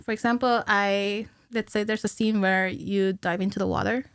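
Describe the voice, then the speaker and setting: Sitting in a small indoor podcast studio with curtains, wearing headphones before a studio mic on a stand, a woman in her thirties who animates for cinema explains things casually as a guest. She's giggly and gestures animatedly, speaking at medium pitch and normal speed with a clean tone.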